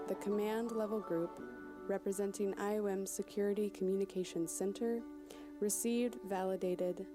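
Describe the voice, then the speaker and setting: A woman of medium pitch delivers scripted informational narration. Music is clearly audible behind her voice.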